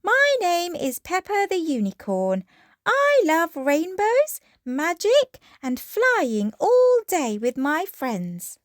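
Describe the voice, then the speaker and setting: A woman's voice: very high voice, wildly swooping pitch, no room sound, studio quality, voice pushed up, heavily acted. A woman voicing a cheerful, imaginative little girl pig with a sweet, childlike delivery in a children's storybook. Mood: happy, excited. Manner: sweet, childlike, drawn-out phrases. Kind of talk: children's storybook read-aloud.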